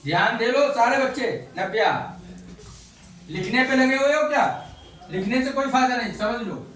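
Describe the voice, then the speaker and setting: A man's voice: very high voice, moderate pace, fairly bright tone. A male teacher giving a classroom lesson, quizzing the children and repeating their answers back. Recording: echoey classroom from far off.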